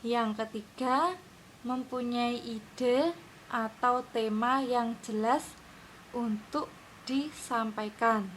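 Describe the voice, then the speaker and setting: Patient woman teacher, fairly high voice. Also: very slow, long pauses, a bit bright, slight background noise, low-quality recording. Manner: patient, checks in with students often. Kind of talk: online class lesson.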